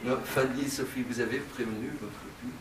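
A man teaching a lively Talmud class to a group, explaining with animated, theatrical examples. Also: medium pitch, fairly quick, very noisy. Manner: animated, acts out examples with mock anger. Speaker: Torah teacher. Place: study room with a group. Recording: roomy echo.

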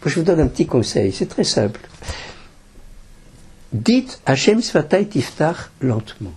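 Husky older rabbi giving a class. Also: male voice, on the high side, sing-song, a little slow, darkish tone. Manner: explanatory, practical tips, mixing in Hebrew terms. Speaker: rabbi teaching students. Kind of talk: Torah class.

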